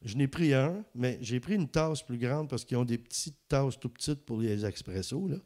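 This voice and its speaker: Quebec french preacher guy, lively storytelling, mid pitch voice, chuckles at his own jokes. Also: normal speed. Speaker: preacher and guest speaker. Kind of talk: anecdotal sermon.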